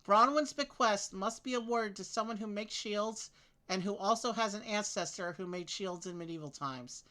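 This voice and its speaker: A woman with a crisp, bright voice and mid-range pitch. She reads game clue texts aloud steadily, then chats casually with a co-player while they work out a solution. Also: normal speed. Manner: steady, clear reading of clue text. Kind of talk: reading game text aloud and casual game chat.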